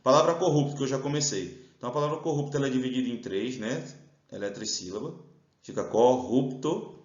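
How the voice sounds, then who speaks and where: A man's voice: mid-range voice, a little fast. A Brazilian male teacher works through an exam-prep grammar lesson, explaining each step and drawing out the stressed syllables. His voice sounds roomy and slightly dull. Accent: Brazilian Portuguese.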